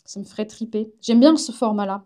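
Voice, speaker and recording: A woman's voice: mid-range voice, brisk, dark tone. A woman, a comic artist and science journalist, chatting casually and enthusiastically as a guest on a live stream.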